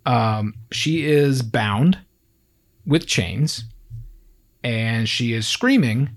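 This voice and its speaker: A man co-hosting a true-crime podcast in a loose, chatty way. His pitch swings widely as he tells the story, and he jumps into voices for the people in it. He laughs easily and keeps it conversational. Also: lively intonation, extremely slow. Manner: acts out quoted people with raised voices, laughs often. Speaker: podcast co-host.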